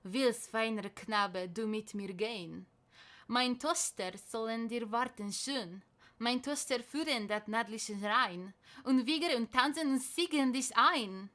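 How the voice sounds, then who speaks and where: A woman voicing a seductive male elf king spirit who coaxes and menaces in a low, hushed manner. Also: slow. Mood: coaxing.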